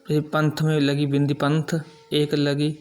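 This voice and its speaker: A middle-aged man teaching a grammar lesson, explaining slowly and drawing out example sounds one by one. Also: a little high, monotone. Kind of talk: classroom-style grammar lesson.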